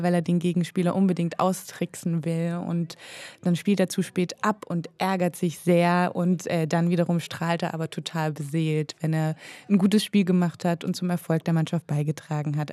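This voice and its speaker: A woman who works as a reporter and documentary filmmaker explains things fluently in a podcast conversation and narration, with the occasional "äh" filler. Her voice is mellow and a bit low, and the recording is completely dry with no room sound.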